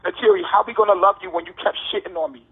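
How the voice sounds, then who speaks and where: On a jail phone call, an American man who is detained delivers an impassioned, slang-heavy monologue full of emphatic repetition and rhetorical questions. His voice is high-pitched with a breathy edge, very animated and racing.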